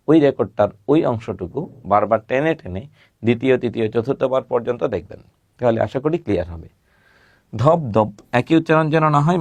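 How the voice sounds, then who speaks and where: A man teaching a recorded grammar lesson at a middle pitch. He patiently repeats example words slowly and asks questions he answers himself. The sound is dry and close, with no room echo. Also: darkish tone.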